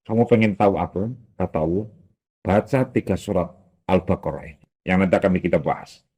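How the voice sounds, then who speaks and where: A man giving a Quran commentary lesson at a boarding school, lively and acting out quoted speech. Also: low voice, brisk, breathy edge. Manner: animated, acts out quoted speech, mixes in local phrases.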